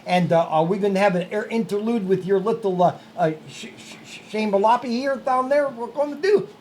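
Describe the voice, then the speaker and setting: A man's voice: high voice, fairly quick, darkish tone, a little hiss or hum. A man hosting a casual podcast, rambling and heated, with many restarts and filler words. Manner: heated, raising his voice on his points. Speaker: podcast host. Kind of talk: casual talk-show rant.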